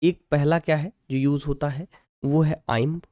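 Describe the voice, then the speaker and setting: A man teaching an English literature lesson in Hindi mixed with English. He keeps checking with his students and slows right down to dictate definitions. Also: fairly high pitch, steady tone, darkish tone. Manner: mixes Hindi and English, keeps asking "ठीक है".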